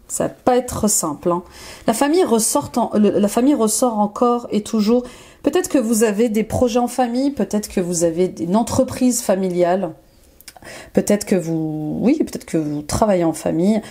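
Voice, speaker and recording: A woman's voice: medium pitch, dark tone. A woman life coach reading tarot cards for her viewers, encouraging and repeating affirmations, with frequent fillers and bursts of enthusiasm. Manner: enthusiastic, exclaims often.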